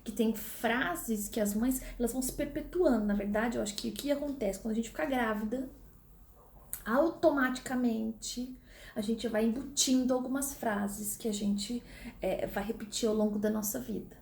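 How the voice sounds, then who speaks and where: A woman's voice: a little high, moderate pace, vocal fry, darkish tone, a little hiss or hum. A middle-aged woman, teaching a law class in a chatty, informal way, full of fillers and restarts. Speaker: law lecturer. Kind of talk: recorded online class. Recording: echoey room.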